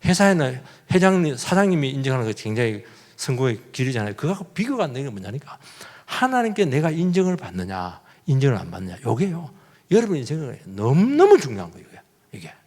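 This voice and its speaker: A man's voice: medium pitch, huge pitch swings, fast, a little mellow. A man, a pastor, preaching a sermon, with rhetorical questions and acted-out quotes. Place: church sanctuary. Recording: long church hall reverb.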